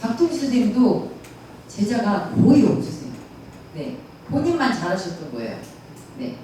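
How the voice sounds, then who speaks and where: A woman's voice: mid-range voice, very animated, moderate pace, mellow. Folksy female lecturer, recorded far off in an echoey room with faint noise. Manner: chatty, folksy, mimics dialect phrases. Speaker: pansori lecturer. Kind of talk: casual lecture with audience questions. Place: lecture room at a cultural center. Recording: echoey hall, distant mic.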